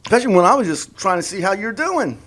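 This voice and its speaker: A man's voice: sits high, very animated, fast, fairly bright tone. A man ranting in a political opinion vlog, heated and sarcastic, stumbling over and repeating his words as he mocks the people he disagrees with. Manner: heated and sarcastic, mocking voices of opponents; repeats words and restarts often. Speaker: political vlogger.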